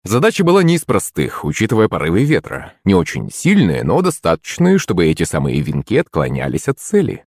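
A man reading a story aloud in the first person, expressive and lively. His voice sits low but swings widely in pitch. The recording is dry and close. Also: brisk, few pauses, slightly rough, no room sound. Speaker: narrator. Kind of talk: scripted audiobook narration.

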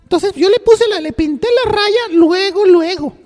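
High-voiced, foul-mouthed Mexican woman. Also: normal speed, a little mellow. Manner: crude, profane, rambling, full of slang. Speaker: on-air storyteller. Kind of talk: comic radio storytelling. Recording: reverberant studio with faint music.

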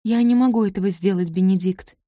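A woman reading the part of a proud young maid, hurt but firm, her voice lifted higher and tense. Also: brisk, no room sound, studio quality, natural voice. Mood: defiant. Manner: higher and tense, sometimes quiet.

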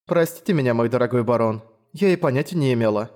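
A man's voice: medium pitch, animated, fast, darkish tone, natural voice. A man voicing a young actress who talks sweetly with a mock-apologetic edge.

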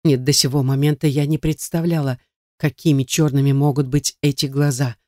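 A man's voice: mid-range voice, little pitch movement, a little fast, warm tone, no room sound, studio quality. A man narrating a first-person novel in a tense, dramatic reading. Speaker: audiobook narrator.

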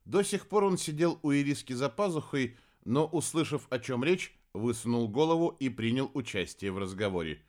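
A man narrating a children's fantasy audiobook in a lively storytelling way. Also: mid-range voice, normal speed, few pauses.

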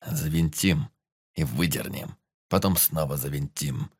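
A man voicing a menacing old man who speaks quietly in a low, muffled voice. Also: a little slow, gravelly, husky, no room sound, studio quality, full character voice. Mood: quietly sinister.

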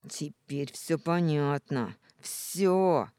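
A woman voices a cold, contemptuous young man in a story read aloud. His harsh, scornful lines stay low and dark, and the recording is dry. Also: expressive, slow pace, no echo. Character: contemptuous young male boyfriend, cold and cruel. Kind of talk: audiobook character reading.

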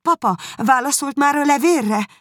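A man voicing Elizabeth, a lively and anxious young woman, in an audiobook, pleading in a raised voice. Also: sits high, no echo, studio quality, pitched above the performer's own voice. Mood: urgent. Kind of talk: audiobook character reading.

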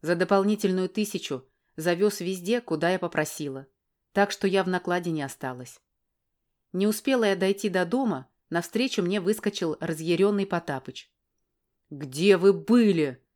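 A woman narrates a first-person audiobook in a fairly low voice. Her telling is brisk and wry, steady storytelling.

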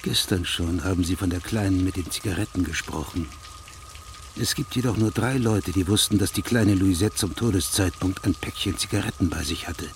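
A deep male voice, with slight hiss or hum, belongs to an actor portraying an investigating judge in a radio drama. The character is stern and methodical, measured and authoritative in his probing, and here sounds accusing and severe.

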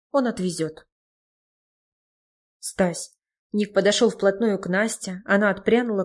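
Woman, audiobook narrator, even reading, mid-pitched voice. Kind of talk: scripted narration.

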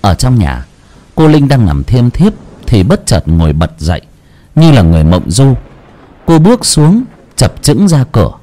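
A man narrating a horror story in a slow, brooding, expressive way. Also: mid-range voice.

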